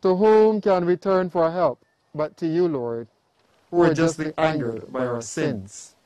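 A man with a fairly high voice reads the committal prayers at a funeral. His cadence is slow, solemn and measured. The sound is close and dry, with no room echo. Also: darkish tone. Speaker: priest leading a funeral committal. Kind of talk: liturgical prayer reading.

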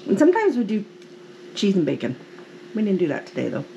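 A woman's voice: mid-range voice, wildly swooping pitch, fast talker, creaky, mellow, dull audio. A woman hosting a casual home vlog, chatting to the camera in her kitchen and laughing often. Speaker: vlog host, military wife. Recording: noisy home recording.

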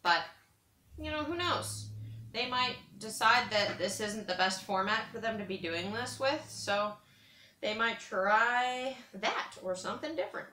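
Fairly high-pitched and unhurried, the young woman's voice is bright and forceful, with lively intonation and slight background noise. She's a vlogger rambling conversationally and repetitively as she cuts soap, thinking aloud. The camera sits a metre or two away in a small carpeted, bare-walled room that echoes.

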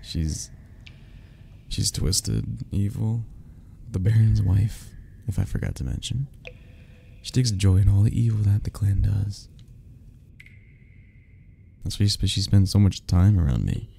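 In an ASMR roleplay, a man acts a melancholy vampire, speaking very low with heavy vocal fry in a dark, velvety, gravelly voice. Gentle and wistful, he confides softly with hesitant pauses, expressive yet weary and brooding, over a faint hiss or hum.

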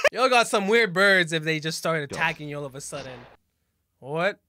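A young man with a fairly high voice hosts a reaction video at a normal speed, joking around and bursting into yelps and laughs at the scares of a horror clip. He talks into a headset with a desk mic in a small bedroom setup, and there's slight background noise.

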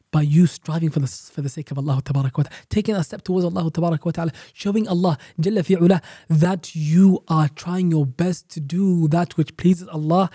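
A man's voice: on the high side, mellow, husky, no echo, clean studio sound. A man, an Islamic teacher and podcast guest, earnestly explaining Quran verses and repeating key phrases for emphasis.

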